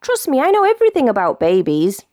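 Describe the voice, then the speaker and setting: A cocky little storybook frog who insists he is an expert at everything , put on by a British woman reading aloud. He talks high above the reader's usual voice, bouncy and lively, in a bossy, self-assured way. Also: fast. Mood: confident. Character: boastful know-it-all male frog. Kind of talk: children's storybook read-aloud.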